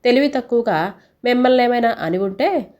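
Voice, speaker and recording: A woman reading the part of an anxious, tender older mother who speaks in a worried, soft and humble way. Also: fairly high pitch, animated, moderate pace, muffled recording, voice pushed up, close to an everyday voice. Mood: sorrowful.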